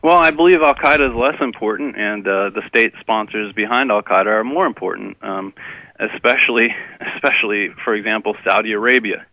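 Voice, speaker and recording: A man's voice: fairly low pitch, fairly quick, pushed and bright, no room sound. A man from Texas, a guest on a radio interview, who talks in a hesitant way, full of ums and uhs. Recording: dull lo-fi radio audio.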